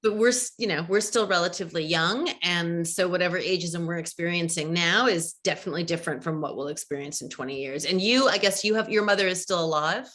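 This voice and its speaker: A woman in her fifties hosting a conversational interview, animated and agreeable. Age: 50s. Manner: animated, quick to agree, rises high when excited. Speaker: interviewer and community founder.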